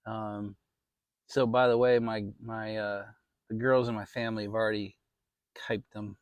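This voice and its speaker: A man's voice: fairly low pitch, flat delivery, moderate pace, smooth, no echo, dull audio. An American man giving a casual, rambling, mildly salty chat to his viewers from his backyard outdoors. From Maryland, United States. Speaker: vlog host.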